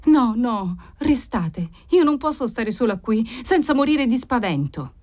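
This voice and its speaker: A woman's voice: sits high, very animated, unhurried, pitched above the performer's own voice. A woman voicing a terrified young woman who sees a ghost, trembling, breathless and pleading.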